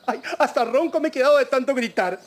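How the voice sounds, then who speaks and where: A man's voice: very high-pitched, lively intonation, a little fast. An actor with a Peruvian accent playing a fussy, flamboyant, gossipy male butler in a sitcom, with a theatrical delivery full of exclamations. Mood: giddy. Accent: Peruvian Spanish. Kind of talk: sitcom acting. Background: music.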